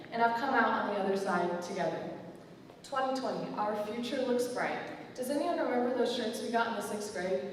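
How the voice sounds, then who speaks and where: A woman's voice: medium pitch, a little hiss or hum. Teen girl, joking graduation speaker with a put-on British accent, heard far off in a hall with long reverb. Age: teens. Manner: playful, self-mocking British put-on accent. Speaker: student speaker. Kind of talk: graduation speech.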